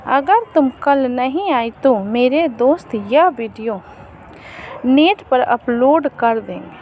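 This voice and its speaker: A woman putting on a smug young blackmailer, a man who coaxes and mocks in a high voice at an unhurried pace. The sound is muffled and lo-fi, with a faint hiss behind it. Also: animated, full character voice. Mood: taunting. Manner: mocking, coaxing.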